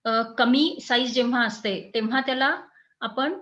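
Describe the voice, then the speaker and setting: A woman giving an explanatory health talk as an educator, in a measured teaching tone with frequent pauses and fillers. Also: fairly high pitch, a bit bright, poor audio.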